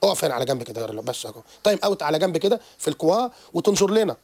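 A man, a therapist guest on a radio show who lectures quickly and keeps restarting his sentences. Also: on the high side, creaky, husky. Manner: animated, rapid lecturing with frequent restarts. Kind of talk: radio interview explanation. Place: radio studio.

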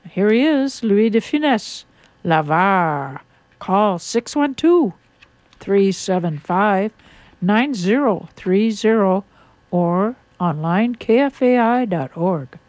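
A woman hosting a radio show chats in a slow, unhurried way, often pausing on fillers. Her voice sounds dry and close in the studio. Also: mid-range voice, animated, darkish tone, dry recording. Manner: unhurried and chatty, with frequent fillers. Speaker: radio host. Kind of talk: casual radio chat.

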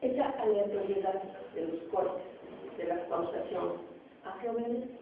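A woman with a Mexican Spanish accent giving a university phonetics lecture, explaining slowly and asking rhetorical questions. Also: mid-range voice. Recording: echoey classroom from far off, phone-like sound, noise.

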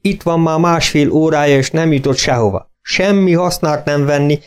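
Audiobook: man doing a desperate, high-pitched pleading farmer. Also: clean tone, natural voice. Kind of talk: audiobook reading.

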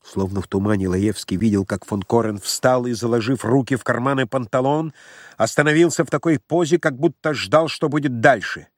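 A man reading a classic novella aloud in a steady storytelling manner. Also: mid-range voice, fairly quick, dry recording, studio quality. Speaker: audiobook reader. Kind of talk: literary audiobook narration.

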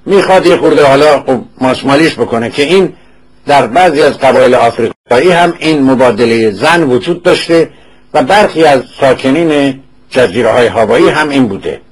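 Husky-voiced man giving a lecture. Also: medium pitch, animated, rough recording. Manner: reads classical Arabic passages aloud, then explains them in casual colloquial speech; repeats and corrects words to settle pronunciation. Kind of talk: informal lecture.

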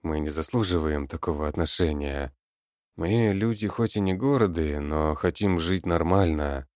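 A man's voice: a bass voice, darkish tone, no echo, studio quality. A man playing a pleading old man. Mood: grim. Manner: pleading, earnest.

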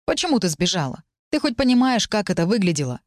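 A woman's voice: medium pitch, sing-song, fast talker, a little mellow, no room sound, close to an everyday voice. A woman reading the lines of an arrogant young male mage, curt and hissing through his teeth. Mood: angry.

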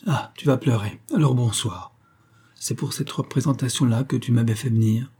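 A man's voice: medium pitch, moderate pace, slightly rough, close to an everyday voice. A man reading an audiobook, voicing a brutal, contemptuous young man who answers his mistress curtly and scornfully. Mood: angry, scornful. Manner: curt, scornful, raised and sharp when angry. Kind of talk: audiobook character voice.

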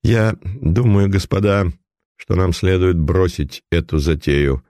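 A cautious, nervous army officer pleading with his friends, as a man reads him in an audiobook. The voice is deep and dark, recorded dry and close. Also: steady tone, slow pace, no room sound. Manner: nervous and insistent. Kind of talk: audiobook role reading.

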